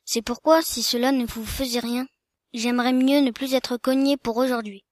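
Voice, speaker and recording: A woman's voice: fairly high pitch, fairly even intonation, moderate pace, no echo, studio quality, lightly acted. A woman voicing a very polite, earnest and curious young elephant child in a storybook reading. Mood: pleading.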